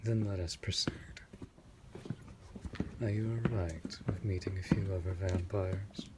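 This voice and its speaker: Speaking to the listener in an immersive audio roleplay, a man portrays a centuries-old vampire master who rules his manor courteously, possessively and protectively. His low, steady, breathy voice often drops toward a whisper, and his manner is composed, formal and deliberate. The recording has loud background noise.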